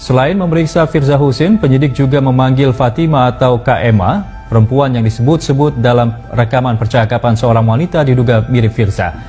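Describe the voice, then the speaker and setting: Man, news voice-over, formal and even, mid-pitched, faint music behind. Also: fairly quick. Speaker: news narrator. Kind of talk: scripted news narration.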